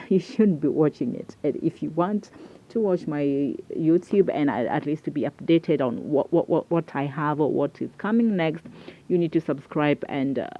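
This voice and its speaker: A woman hosting her own video channel, talking to camera in an earnest, halting way and often repeating words. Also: deep voice, dull audio. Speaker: YouTube host. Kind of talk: casual talk to camera.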